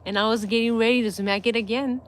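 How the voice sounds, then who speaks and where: A woman's voice: on the high side, fairly even intonation, quick pace. Middle-aged woman host, casual storyteller who keeps breaking into laughter; phone mic with faint background hiss. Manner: laughs often while telling a story. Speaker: livestream host.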